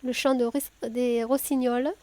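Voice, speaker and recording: A woman with a southern French accent, calmly explaining a cooking tutorial step by step, with frequent hesitations. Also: fairly high pitch, a little slow, dry recording. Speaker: home cook.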